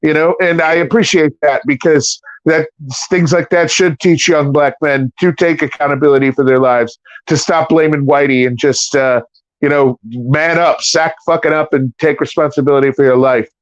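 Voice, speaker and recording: A man's voice: fairly high pitch, steady tone, no echo. A man chatting casually as a livestream guest, stammering and repeating words. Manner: stammering, quick to laugh. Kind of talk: casual chat. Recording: dry, dull lo-fi audio.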